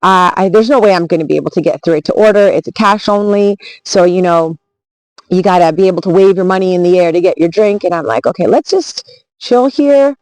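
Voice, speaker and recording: A woman's voice: fairly low pitch, fairly even intonation, quick pace, dry recording, poor audio. A woman travel vlogger telling a story in a casual, earnest, reflective way, often restarting her sentences.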